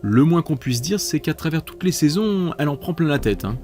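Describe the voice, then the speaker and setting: A man's voice: on the high side, animated, brisk, darkish tone, faint music behind. A man hosting a multiple-choice quiz, reading out questions and options with playful, chatty asides. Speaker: quiz host.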